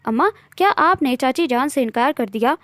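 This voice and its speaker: A woman's voice: high-pitched, animated, normal speed, a bit bright, dry recording. Charming young man Saad, read by a woman. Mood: light.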